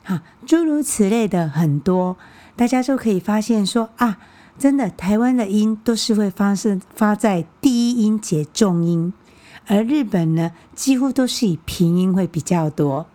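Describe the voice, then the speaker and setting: Woman w/ a mother tongue, chill podcast host, mellow soft voice, says words twice so you can follow. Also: mid-range voice, animated, moderate pace. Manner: friendly and patient, often repeating words for learners. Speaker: podcast host teaching Japanese. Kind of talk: casual explanatory podcast talk.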